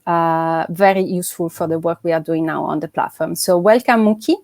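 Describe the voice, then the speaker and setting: A woman's voice: fairly low pitch, a little mellow, dry recording. A woman moderates an online conference session over a call, her voice dry and close with no room sound. She speaks politely, with fillers and apologies as she hands over to speakers.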